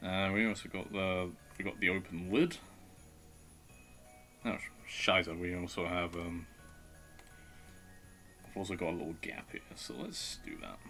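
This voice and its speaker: A man's voice: sits low, level tone, unhurried, pauses often, sharp tone, soft background music. A man streaming live, chatting casually and with a self-deprecating tone as he thinks aloud while he draws.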